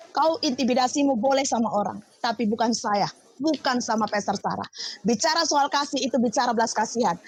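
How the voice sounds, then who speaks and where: A woman's voice: sits high, slight background noise. A woman pastor preaching on a livestream, confrontational and firing off rhetorical questions.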